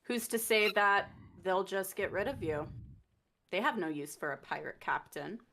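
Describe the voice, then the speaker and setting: A woman's voice: medium pitch, expressive, normal speed, fairly bright tone. A woman playing in a tabletop game, earnestly asking the game master about her spells and staying in character. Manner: earnest, questioning. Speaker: player. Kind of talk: tabletop role-play, asking rule questions.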